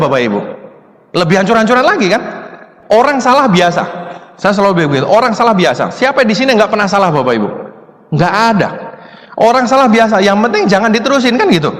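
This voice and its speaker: A man's voice: sits high, expressive, quick pace, fairly bright tone. A man giving a live seminar talk as a motivational speaker, plain-spoken and conversational, acting out little exchanges with a joking touch. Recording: long hall reverb from a live talk.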